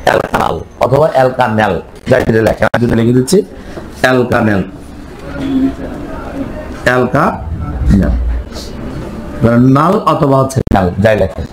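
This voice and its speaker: A man's voice: medium pitch, fast talker. This is a man in the middle of a classroom lecture, teaching chemistry in a mid-range voice. He keeps quizzing his students, asking the same question twice before answering it. Faint background noise sits under the recording.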